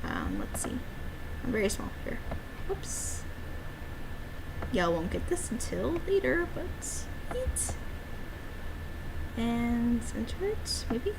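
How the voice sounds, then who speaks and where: With a slightly high voice and huge pitch swings, a woman streamer and amateur game developer takes things slowly and pauses often. Her livestream chatter is casual, rambling, and playful, sprinkled with cutesy exclamations, over clear background noise.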